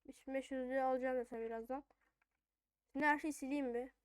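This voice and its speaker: A female gaming host with a noticeably high, smooth voice comments casually on her game, thinking out loud in informal speech. Her tone is steady and her pace fast, and the sound is close and dry with no room sound.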